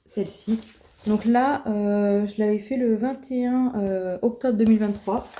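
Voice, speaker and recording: Woman, casual vlog chat, mellow warm tone, chatty with many fillers and restarts. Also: medium pitch, steady tone, a little slow. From France. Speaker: book and coloring vlogger.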